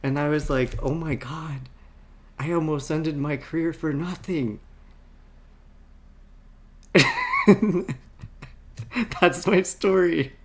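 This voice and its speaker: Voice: medium pitch, wildly swooping pitch, takes it slowly, long pauses. A chatty author talks straight to camera in a casual storytime vlog. The talk is self-mocking and full of laughs, and the speaker often slips into quoted worried thoughts. Between stories they hold up a tabbed book to show the camera.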